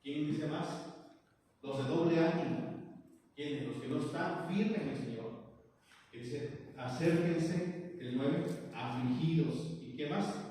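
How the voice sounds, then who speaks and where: Preacher in an echoey hall. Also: male voice, on the high side, darkish tone, slight background noise. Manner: reads scripture slowly, then asks the congregation questions. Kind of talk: sermon. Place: church. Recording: echoey church hall, mic far off.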